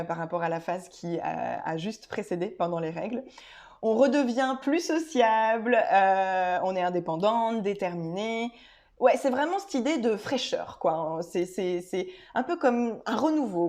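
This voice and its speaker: A woman's voice: mid-range voice, darkish tone. Chatty woman vlogging, full of hesitations. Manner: chatty, many filler hesitations and restarts; addresses viewers directly and informally. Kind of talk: casual explanatory video talk.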